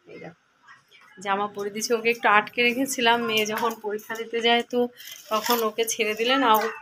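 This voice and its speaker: A woman's voice: medium pitch, pushed and bright, slight background noise, poor audio. A middle-aged woman chatting casually to her viewers while cooking at home, filmed on her phone, now and then breaking off to coax her dog. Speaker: home vlogger. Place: room at home. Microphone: phone camera.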